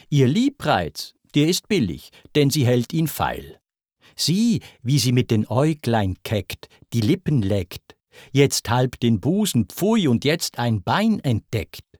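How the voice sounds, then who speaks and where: A man's voice: medium pitch, no room sound, clean studio sound. A man voicing a haughty female warrior goddess in a spoken verse epic, sneering and scornful.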